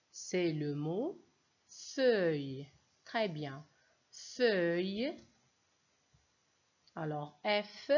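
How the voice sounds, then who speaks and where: Woman teacher, slow, patient delivery, lowish voice, muffled lo-fi sound. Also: darkish tone. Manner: patient, spelling out sounds and syllables. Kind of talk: slow, clear reading lesson for children. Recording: dull lo-fi recording.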